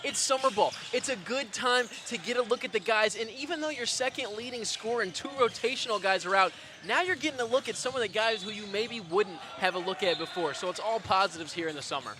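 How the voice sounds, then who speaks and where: A man's voice: high-pitched, fairly quick, hardly any pauses, noisy background. A twenty-year-old man doing color commentary for a basketball game, chatty and upbeat. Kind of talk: sports commentary.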